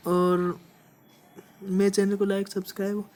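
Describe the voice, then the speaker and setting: A woman's voice: medium pitch, little pitch movement, unhurried, noisy background. A woman teaching a grammar lesson, explaining step by step, often checking in with "okay" and drawing out vowel sounds as examples. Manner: repeats points with frequent "ठीक है" checks.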